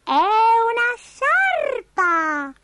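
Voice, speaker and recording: A woman voicing a young witch girl in a high, sing-song voice, in a storybook reading. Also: very animated, extremely slow, sharp tone, dry recording, exaggerated voice. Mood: chatty.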